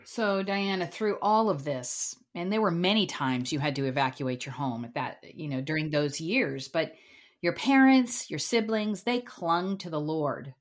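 A woman's voice: deep voice, expressive, unhurried. A woman hosting a faith interview who asks questions in an encouraging way. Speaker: host.

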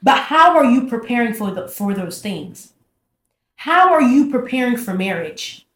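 A woman with a fairly high voice gives an informal faith talk, repeating herself and firing off rhetorical questions. She sounds animated and direct. The room around her is echoey. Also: a little slow. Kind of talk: casual faith talk to camera.

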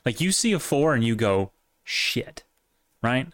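A man's voice: mid-range voice, sing-song, unhurried, a bit bright, no echo, studio quality. A man co-hosting a casual podcast, joking around and bantering with his friends. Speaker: podcast co-host. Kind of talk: casual chat.

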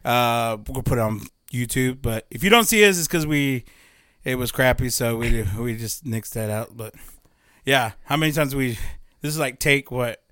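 A man in his thirties hosts a loose, chatty podcast while still out of breath, his sentences trailing off and restarting as he laughs at himself. His voice sits at an ordinary middle pitch. The sound is dry and close, with no room echo. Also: moderate pace, fairly bright tone, smooth. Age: 30s. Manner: rambling, laughing, self-mocking. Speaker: podcast host. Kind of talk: casual podcast chat.

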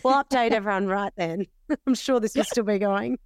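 A woman's voice: mid-range voice, fairly quick, dry recording, clean studio sound. Chatty pregnant woman co-host. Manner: chatty, laughs often, enthusiastic agreement. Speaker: podcast co-host. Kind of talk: casual chat.

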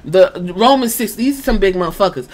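Excitable woman swearing through a recap. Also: medium pitch, a little fast, a little hiss or hum. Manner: excited, swears a lot, acts out quotes. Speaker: wrestling fan recapping a press conference. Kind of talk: casual profane storytelling recap.

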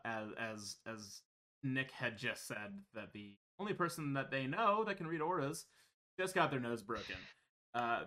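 A man narrating as game master of a tabletop horror game, talking with many pauses and restarts. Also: mid-range voice, bright, forceful tone. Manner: halting, many ums and restarts.

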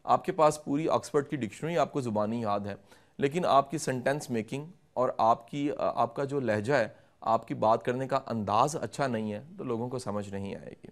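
Middle-aged man, interview guest, patient explainer who turns to address the viewers, mid pitch. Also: normal speed. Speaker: guest speaker on communication. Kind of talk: instructive interview answers.

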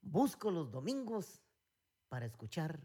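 A man's voice: fairly high pitch, big pitch swings, unhurried, warm tone, breathy edge. A middle-aged man with a Mexican accent, co-hosting a casual chat and rambling through stories with many fillers and restarts. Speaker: podcast co-host.

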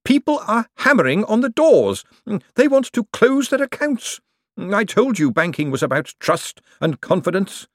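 A man's voice: high voice, sing-song, moderate pace, no room sound, clean studio sound, voice pushed up. A man playing a pompous middle-aged male chief clerk who speaks icily and disdainfully, with a hesitant "mm" before his replies. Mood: uneasy.

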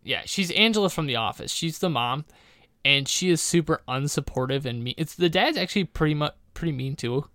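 A man's voice: on the high side, animated, a little fast, pushed and bright, no room sound, studio quality. A man co-hosting a podcast in casual chat, ranting animatedly with many restarts. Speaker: podcast co-host.

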